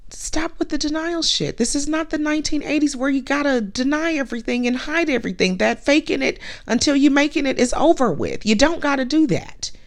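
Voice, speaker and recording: A woman podcast host giving a blunt, emphatic motivational monologue, repeating her points and swearing casually. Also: fairly high pitch.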